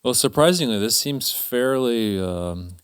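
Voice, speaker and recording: Male co-host, smooth resonant voice, dry sound, relaxed chat. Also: mid-range voice, measured pace, no room sound. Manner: easygoing, short agreements and soft laughs. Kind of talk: casual chat, reading aloud.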